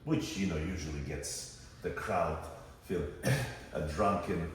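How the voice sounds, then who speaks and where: A man's voice: low-pitched, slow. A man co-hosting a podcast, chatting casually and rambling reflectively with plenty of fillers. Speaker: podcast co-host. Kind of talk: casual chat. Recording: echoey room, far from the mic, faint noise.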